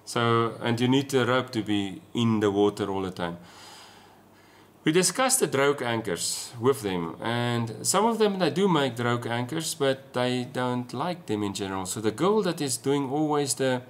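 South african guy w afrikaans accent, 40s, casual vlog chat explaining stuff, mid pitch. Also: animated, moderate pace. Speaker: sailing vlogger. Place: small room at home, indoors.

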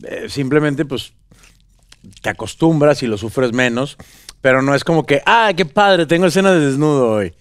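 A Venezuelan man in his thirties, a guest on a studio talk show, speaking casually into a headset mic. He rambles in a relaxed way, often trailing into fillers and restarting his sentences. The sound is dry and close. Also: medium pitch, moderate pace, clean tone, dry recording. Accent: Venezuelan Spanish. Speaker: guest actor. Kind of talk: casual interview chat. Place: pink-decorated talk show studio set. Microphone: small headset mic.

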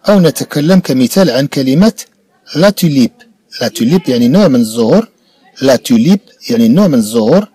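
A man's voice: medium pitch, animated, mellow, breathy edge, dry recording. Moroccan man teaching French, patient and repetitive. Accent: Moroccan Arabic. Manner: patient, repeats words slowly for learners. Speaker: primary school French teacher. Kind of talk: explanatory lesson narration.

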